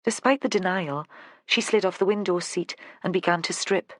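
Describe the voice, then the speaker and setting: Steady, dry-sounding audiobook narrator. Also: medium pitch, normal speed, dry recording. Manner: steady, even storytelling. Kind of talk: scripted narration.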